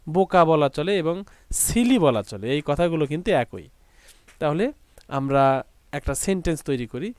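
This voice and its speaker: Patient male vocabulary teacher with a Bangladeshi accent, a fairly high and clear voice. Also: a little mellow, dry recording. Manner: patient, repeats each word several ways and slowly reads out example sentences. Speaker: English teacher. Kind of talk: classroom lesson explaining vocabulary.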